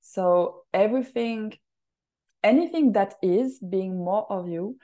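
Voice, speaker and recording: French-accented woman, mellow and earnest. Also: medium pitch. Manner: earnest, halting, repeats a rapid formula. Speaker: podcast host and facilitator. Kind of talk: solo podcast talk.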